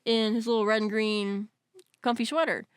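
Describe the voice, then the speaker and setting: A woman's voice: on the high side, steady tone, normal speed, clear, resonant tone, no echo, clean studio sound. Chatty young woman recapping a film. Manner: rambling, lots of "like", swearing, laughs easily. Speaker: co-host. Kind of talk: casual film podcast chat.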